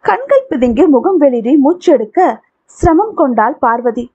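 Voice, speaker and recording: Female audiobook narrator, high husky voice, thin phone-like sound. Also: normal speed. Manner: steady storytelling. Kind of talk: scripted narration.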